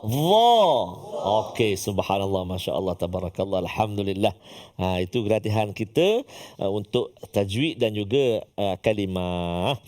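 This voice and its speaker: A man's voice: on the low side, normal speed, darkish tone. A man with a Malaysian Malay accent teaching tajwid, who drills letters aloud and praises often. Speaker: Quran recitation teacher. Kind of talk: tajwid lesson with recitation drills.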